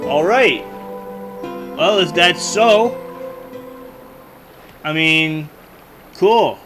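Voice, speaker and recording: A chatty man with a slightly high voice talks his way through a video game, rambling and thinking out loud. Clear game music plays under his commentary. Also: expressive, extremely slow, rough recording. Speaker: let's play host.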